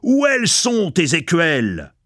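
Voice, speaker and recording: A man voicing an angry, suspicious male prison camp cook who shouts at the prisoners. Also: a little high, animated, a little fast, dry recording, studio quality, voice pushed up. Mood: bellowing, suspicious.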